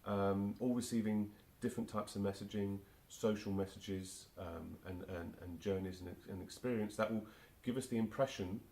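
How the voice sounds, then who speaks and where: Low, gravelly and darkish, this Englishman's voice keeps a steady tone as he gives casual interview answers. He's in his forties, has a London accent, and works in marketing automation; his delivery halts, with many fillers and restarts.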